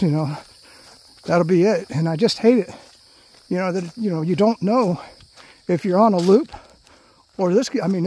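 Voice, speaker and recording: A man's voice: high-pitched, a little mellow, husky. A man narrating his hike in a casual, rambling vlog, thinking aloud as he walks and filling his talk with "you know.". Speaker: hiking vlogger. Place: outdoors on a grassy trail through palm scrub.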